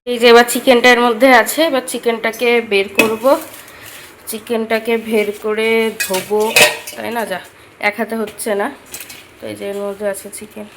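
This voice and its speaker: A young woman, chatting casually to viewers in a home cooking vlog, speaking softly at times. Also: a little high, flat delivery, moderate pace, pauses often, noisy background. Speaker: vlogger. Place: home balcony and kitchen.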